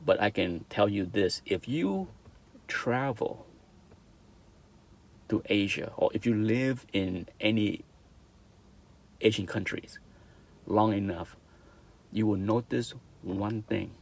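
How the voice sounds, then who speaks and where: Slow and gravelly with long pauses, this fairly low-pitched voice belongs to a middle-aged vlogger from Vietnam. Speaking with a Vietnamese accent, he earnestly gives his opinions, restating points and asking "okay?" to check in.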